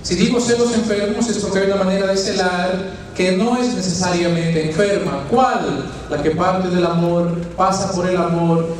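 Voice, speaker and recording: The friar's voice is high but darkish in tone, heard through slight background noise and strong echo from a distant mic in a church. He comes from the Dominican Republic and speaks Dominican Spanish. His sermon at a healing retreat teaches with rhetorical questions, homely sayings and folksy asides.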